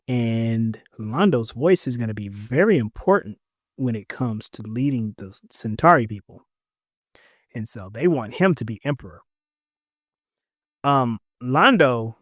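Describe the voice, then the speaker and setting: A man's voice: medium pitch, no echo. A man talking casually on a podcast in a mid-range voice, close and dry with no room sound. He retells the story in a loose, slangy way and jokes to his listeners as he goes. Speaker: podcast host. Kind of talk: casual episode recap.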